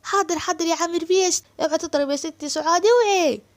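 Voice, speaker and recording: A woman voicing a clownish young male servant with an Egyptian accent, whining loudly in melodramatic complaints. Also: very high-pitched, fast talker, no echo, pitched above the performer's own voice. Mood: panicky.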